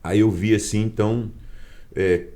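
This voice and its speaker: A man's voice: on the low side, fairly even intonation, unhurried, dark tone. A man with a Brazilian Portuguese accent, a bishop guest telling a heartfelt personal testimony and acting out the quoted dialogue. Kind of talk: personal testimony in a podcast conversation.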